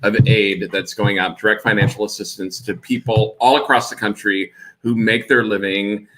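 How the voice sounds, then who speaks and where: A man's voice: on the low side, steady tone, moderate pace, fairly bright tone, low-quality recording. A man co-hosting a casual livestream chat from home, talking in a chatty, teasing way. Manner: chatty and teasing, with many restarts. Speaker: co-host. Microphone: desk mic for video stream.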